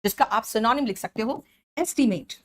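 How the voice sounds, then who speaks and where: A woman's voice: a little high, fairly quick. A woman teacher with an Indian English accent explaining vocabulary for an exam-prep class, often checking in with her students.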